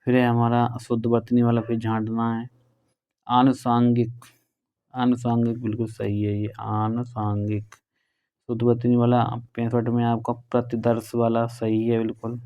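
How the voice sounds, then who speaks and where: A male teacher from northern India going through exam questions in a brisk, conversational way, drawing out the key words. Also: medium pitch, completely flat delivery, warm tone, clear, resonant tone, dull audio. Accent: Hindi, northern India.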